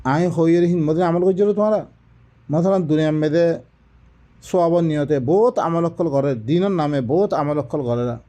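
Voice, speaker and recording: Higher-pitched, mellow man teaching scripture. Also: moderate pace. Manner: didactic, repeating phrases and asking rhetorical questions. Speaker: Quran teacher. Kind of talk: Quran exegesis, recited verses then explained.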